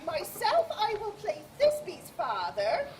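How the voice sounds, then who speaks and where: A woman's voice: very high-pitched, huge pitch swings, slow, background noise, full character voice. A woman reading a flustered, eager director of amateur players in a comic play reading. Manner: flustered, eager, often laughing.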